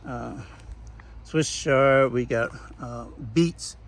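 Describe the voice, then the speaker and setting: A man's voice: medium pitch, very slow. A man giving a folksy, chatty tour of his backyard garden, laughing now and then. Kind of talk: casual garden walkthrough.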